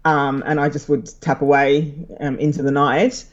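Speaking late at night from home in Sydney, this female author is a guest in a relaxed interview, her London English carrying a faint Australian twang. Her low voice barely moves in pitch, her speed is normal, the sound is lo-fi, and she laughs readily amid frequent ums.

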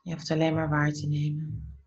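Low, mellow woman guiding meditation. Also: completely flat delivery, muffled recording. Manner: soothing, unhurried, with pauses between short phrases. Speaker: guided meditation leader. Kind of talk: slow guided meditation.

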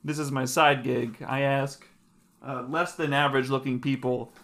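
A man's voice: mid-range voice, steady tone, normal speed, a bit bright, natural voice. A man putting on a mock game-show host, hesitant and full of fillers. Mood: mock-formal. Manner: hesitant, filler-heavy, laughing at himself.

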